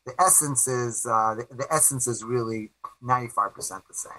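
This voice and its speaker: Man, middle-aged, interview guest, halting, repetitive, emphatic, sharp bright tone. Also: medium pitch, dry recording, rough recording. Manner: halting, with many repeated words and restarts; earnest, emphatic. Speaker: rabbi and author being interviewed. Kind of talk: explanatory interview answers.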